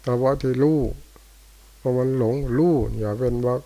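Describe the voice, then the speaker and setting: An older male Buddhist monk, giving a dharma talk in short, unhurried phrases with pauses. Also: medium pitch, dark tone, low-quality recording. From Thailand. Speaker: monk teacher. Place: monastery hall after morning chanting.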